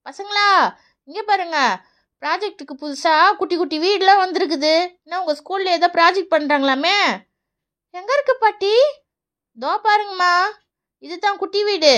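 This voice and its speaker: A woman voicing an elderly grandmother shopkeeper in a children's cartoon, bossy and quick to scold. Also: very high voice, fairly bright tone. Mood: showing wares.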